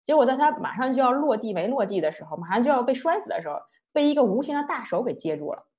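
A woman giving an online lecture, telling a story in a chatty, lively way. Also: fairly high pitch, fast. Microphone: online talk, computer mic.

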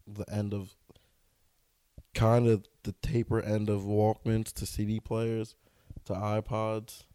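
A man's voice: fairly low pitch, monotone, slow pace, warm tone, smooth, dry recording, clean studio sound. A man in his twenties co-hosting a podcast, joking and acting out little scenes in casual chat. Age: 20s. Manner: joking, acts out quoted voices, slangy. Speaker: podcast co-host.

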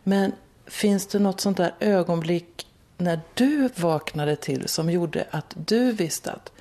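A woman interviewer asking calm, measured questions. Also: fairly low pitch.

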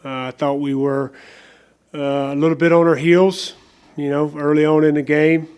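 A man's voice: a little high, steady tone, normal speed, a little mellow, smooth. A male football coach, giving hesitant post-game remarks and restarting phrases. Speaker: college football head coach.

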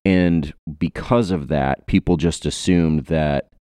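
A young man from Ohio talks in a loose, rambling podcast chat, joking and filling pauses with ums and likes. His voice sits very low, and the recording is close and dry, with no room sound around it. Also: mellow, clean tone, no room sound. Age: 20s. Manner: rambling, joking, many fillers. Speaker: podcast host.

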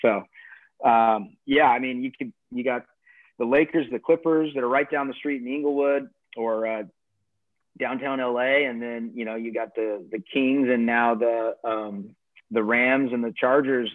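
A man's voice: medium pitch, steady tone, normal speed, no room sound. A man coaching college tennis, chatting through a tinny, band-limited call connection. His sound is dry, with no room around it. He wanders through his answers with plenty of fillers and false starts. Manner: rambling, many fillers and restarts. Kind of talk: casual interview.

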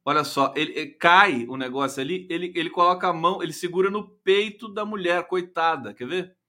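A man hosting a live stream, giving teasing, animated political commentary. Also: high voice, fairly quick.

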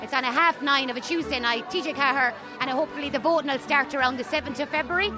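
Fast, high-voiced, effusive Irish woman. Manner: effusive, thankful. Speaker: singer being interviewed. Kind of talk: casual chat interview. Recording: live event with crowd and music. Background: crowd and music.

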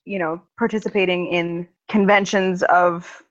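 A woman's voice: lowish voice, steady tone, measured pace. A woman co-hosting a casual chat podcast, explaining things at length with lots of ums. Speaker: podcast co-host. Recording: slightly dull lo-fi recording.

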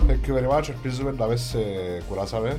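A man's voice: medium pitch, over music. A man with a Cypriot Greek accent hosting a podcast in casual conversation. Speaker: podcast host. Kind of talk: casual chat.

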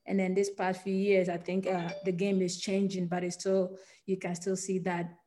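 A woman's voice: fairly low pitch, level tone, normal speed, warm tone. A woman in her twenties from Ghana, with a Ghanaian accent touched by American English, answering podcast questions earnestly with many fillers and restarts. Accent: Ghanaian with American influence. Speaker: professional footballer guest. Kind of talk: podcast interview.

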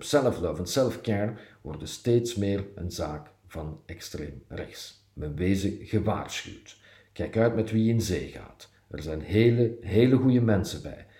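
A man's voice: fairly low pitch, warm tone, roomy sound. A man reading his personal column aloud, with a dry, self-mocking irony.

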